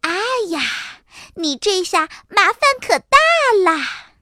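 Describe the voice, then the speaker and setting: A woman's voice: high voice, sing-song, a little slow, pushed and bright, no room sound, clean studio sound, voice pushed up, heavily acted. A woman voicing a cheeky, bossy little sister in a children's storybook reading, teasing in a sing-song way.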